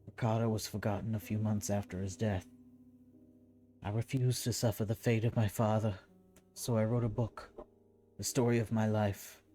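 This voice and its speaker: Old mafia don, done by a man, proud and bitter, shaky Italian accent, low mellow tone. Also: flat delivery, normal speed, long pauses, faint music behind, lightly acted. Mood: solemn, boastful.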